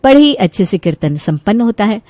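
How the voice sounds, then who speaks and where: A woman narrating a children's cartoon story in a lively, playful manner. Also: medium pitch, brisk, no echo.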